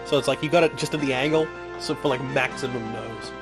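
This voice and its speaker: A man's voice: mid-range voice, quick pace, over music. A man co-hosting a gaming podcast, teasing and swearing his way through casual chat. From Australia. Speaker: podcast co-host.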